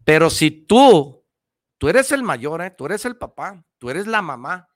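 A man's voice: fairly high pitch, sing-song, a little slow, no echo, clean studio sound. A man with a young child of his own, hosting a motivational radio talk, preaching and repeating himself as he addresses the listener directly. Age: adult parent. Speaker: radio host giving motivational advice.

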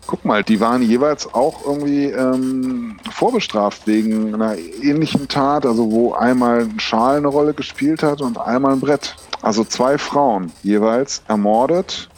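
Mann als skrupelloser Kommissar mit normaler Männerstimme in mittlerer Lage, sachlich im Ton und kalt drohend. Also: male voice, mid-range voice, natural voice. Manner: plain, matter-of-fact, coldly threatening. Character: brutal, rule-breaking male police detective.

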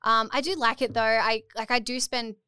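Aussie woman, friendly casual podcast chat, bright voice, close dry sound. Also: on the high side, fairly even intonation, moderate pace, smooth, no room sound. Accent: Australian. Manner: upbeat, friendly and informal. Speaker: podcast guest and business founder.

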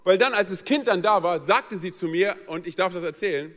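A man's voice: sits high, a little fast. A man telling a funny personal story in a sermon, acting out the voices of the people in it. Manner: lively, joking, acts out quoted voices. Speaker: pastor. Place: church hall. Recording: long church hall reverb.

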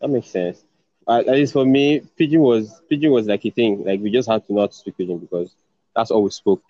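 Low-voiced Nigerian man chatting casually. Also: fairly even intonation, a little fast, mellow, no echo. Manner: friendly, teasing, stumbling restarts. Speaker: podcast host. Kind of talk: casual chat. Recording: dull, dry lo-fi audio.

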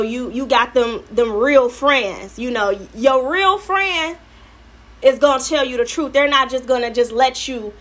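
Woman podcast host, slightly high voice, earnest faith talk, loose storytelling with many restarts. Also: bright, forceful tone. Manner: earnest, loving, repeats words and restarts often; conversational storytelling with quoted asides.

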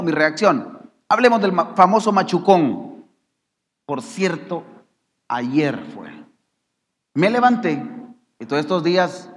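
A man's voice: fairly high pitch, long reverb tail. A middle-aged man, preaching a sermon with humorous stories and questions to the congregation.

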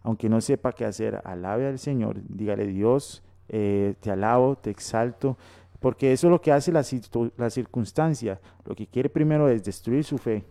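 A man's voice: mid-range voice, moderate pace, creaky, warm tone. A man co-hosting a radio Bible teaching, exhorting listeners with long runs of repeated phrases. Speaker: radio co-host. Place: radio studio.

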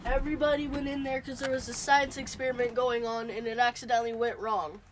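A take-charge young survivor of the apocalypse, played by a woman barks orders and rambles through explanations. Her voice is a little high, and clear background noise hangs over this casual home skit. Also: fairly even intonation, fast talker, natural voice. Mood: explaining. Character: bossy young woman survivor leading the group. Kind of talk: improvised home role-play. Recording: noisy home recording.

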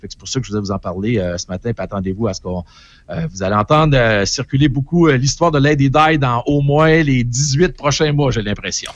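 A man's voice: mid-range voice, fast, no echo, dull audio. A man with a Québécois French accent, giving an opinionated, rambling entertainment column in casual radio chat.

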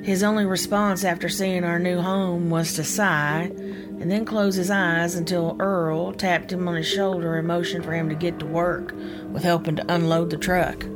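A woman's voice: on the low side, little pitch movement, normal speed, over music. A middle-aged woman, telling a scripted personal story in a folksy, descriptive way as a podcast host. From United States (Indiana, Kentucky). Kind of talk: scripted personal narration, ghost story memoir.

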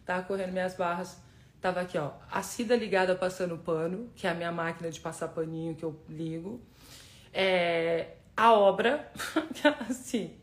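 A woman hosting a casual motivational live stream, talking straight to her viewers, emphatic and repeating words for force. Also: on the high side. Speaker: live-stream host, personal development facilitator.

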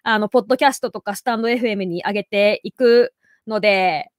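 A woman's voice: medium pitch, brisk, no room sound, clean studio sound. A woman hosting her own radio show, chatting politely and casually with a guest during a live recording.

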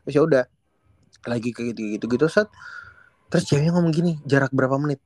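A young man, telling an animated, slangy story on a podcast and acting out the dialogue. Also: on the high side, quick pace, dry recording. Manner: animated, slangy, swears casually, acts out dialogue.

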